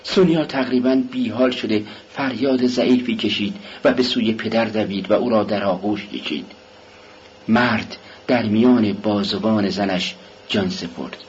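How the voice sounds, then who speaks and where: A man narrating an audiobook in a dramatic, expressive style. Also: lowish voice. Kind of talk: scripted narration. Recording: dull lo-fi recording with faint hiss.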